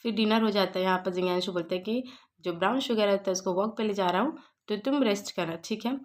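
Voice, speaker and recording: A woman recapping a comic story in a relaxed, chatty way. She drops English words into her speech as she goes. Her pitch sits in an ordinary middle range. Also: fast. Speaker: story explainer.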